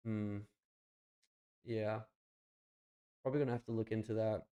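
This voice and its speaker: A man's voice: fairly low pitch, steady tone, unhurried, warm tone, dull audio. A young man streaming live, chatting bluntly with some swearing while he thinks aloud and clicks through his screens. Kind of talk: casual live stream chat.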